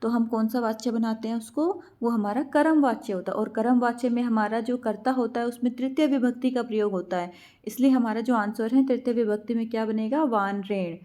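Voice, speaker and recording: Patient woman teacher with a soft, warm voice. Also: fairly high pitch, fairly quick. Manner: patient, asks and answers her own questions, calls students "beta". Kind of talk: explaining exam answers.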